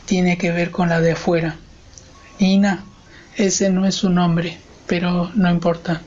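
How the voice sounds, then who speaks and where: A man voicing a grave, superstitious old woman in an audiobook reading, speaking slowly in a hushed murmur. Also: high-pitched, level tone, muffled recording. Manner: slow, hushed, murmuring delivery.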